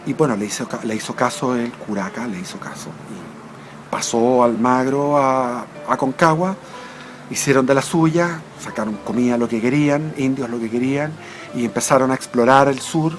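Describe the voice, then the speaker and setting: Chilean man, casual history talk, loose and rambling, middle pitch, soft music underneath. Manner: rambling, chatty, frequent restarts and fillers. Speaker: history lecturer. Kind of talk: informal history lecture.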